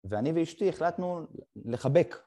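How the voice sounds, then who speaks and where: A middle-aged man hosts a casual conversation. He tells a personal story in a halting way, with short pauses between phrases. His voice has a mellow, darker tone. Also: on the high side, lively intonation. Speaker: podcast host.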